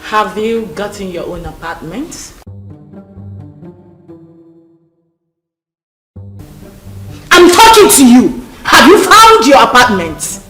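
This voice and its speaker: An actress playing an angry, domineering Nigerian woman who scolds with sharp questions in a film drama. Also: fairly high pitch, big pitch swings, measured pace, echoey room, faint music behind. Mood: stern, contemptuous. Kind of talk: Nollywood film acting.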